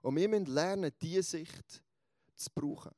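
A man preaching a sermon, retelling a Bible story in an animated, emphatic way. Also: on the high side, normal speed, dry recording.

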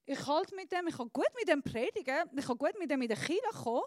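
A woman preaching a sermon into a handheld microphone, speaking slowly and deliberately, and swinging between soft passages and emphatic, louder ones. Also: high voice, animated, no echo. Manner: slow deliberate phrasing with pauses.

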